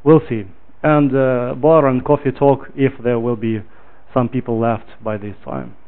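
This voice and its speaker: A man's voice: mid-range voice, measured pace. Man giving a tech talk over tinny audio. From Ukraine. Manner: relaxed, filler-heavy, loud when projecting to the room. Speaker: meetup speaker. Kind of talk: technical talk.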